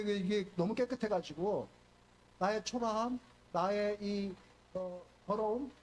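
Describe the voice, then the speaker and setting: An older male pastor giving a sermon, telling stories with animated delivery and acting out quoted speech. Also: high voice, a little hiss or hum. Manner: animated storytelling, voices quoted speech, fillers and restarts.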